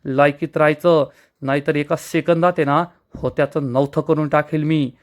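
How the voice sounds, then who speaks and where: Cocky scheming husband from a tv soap, a guy reading his lines, threatening and a bit high. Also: fairly even intonation, normal speed, natural voice. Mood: angry. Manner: swaggering, threatening. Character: scheming, short-tempered young husband.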